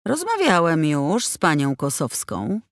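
A woman reading an audiobook, voicing a cold, dismissive male company director who speaks in a calm, curt, bureaucratic way. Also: sits low, unhurried, dry recording, studio quality, full character voice. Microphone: close studio mic.

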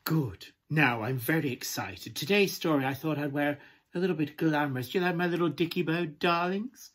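A man performing a glamorous, camp pantomime dame with a British accent and a husky, breathy voice, coaxing listeners through a children's story. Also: a little high, moderate pace, fairly bright tone. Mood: cosy, playful. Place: small room at home, indoors.

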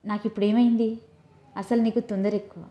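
A woman voicing a gentle, lovesick young man, pleading softly in an audiobook. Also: mid-range voice, flat delivery, brisk, lo-fi sound, lightly acted. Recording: roomy echo.

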